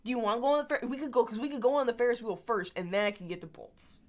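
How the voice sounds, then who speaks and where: A woman's voice: fairly high pitch, animated, rapid-fire. A woman playing a tabletop game, chatting in a casual, playful, informal way.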